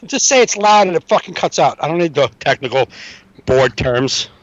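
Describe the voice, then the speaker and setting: A man's voice: a little high, expressive, normal speed, no room sound. A man chatting bluntly and profanely on a remote podcast call, his overloaded mic keeps cutting out. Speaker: podcast guest. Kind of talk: casual chat. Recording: dull dry audio with mic dropouts.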